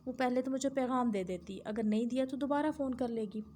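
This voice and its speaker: A bedridden husband worn out by the noise around him, answering in tired, exasperated lines, as a woman teacher reads him. Her voice stays somewhat high, with a faint hiss underneath. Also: dark tone, close to an everyday voice. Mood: weary. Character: weary sick husband, fed up.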